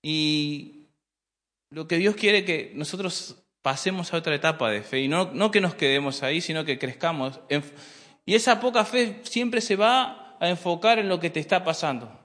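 Male preacher, high voice, reverberant hall, sermon with rhetorical questions. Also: normal speed, fairly bright tone. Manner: speaks to the congregation as brothers, with frequent rhetorical questions; repeats and restarts phrases while preaching.

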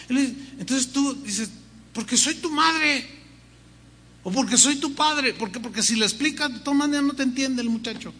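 A man preaching, bright and high in pitch. He acts out small dialogues with lively voices. His voice rings with a long hall reverb. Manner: animated, acts out voices of God and believers. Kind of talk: sermon.

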